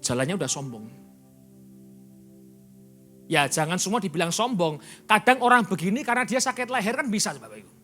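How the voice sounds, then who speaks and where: A male pastor preaching in a church, his pitch leaping about in a very animated way and his tone sharp and bright. He jumps from near-shouting to hushed asides and keeps putting rhetorical questions to the congregation. Soft music plays faintly behind him. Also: fairly quick, long pauses. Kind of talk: sermon.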